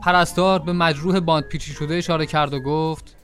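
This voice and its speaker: A man narrating a comic audio drama in a lively storytelling manner. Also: a little high, faint music behind.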